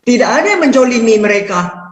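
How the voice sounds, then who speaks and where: Brief: measured talk-show interviewer, mid-pitched voice, roomy echoey sound. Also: very animated. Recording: roomy echo.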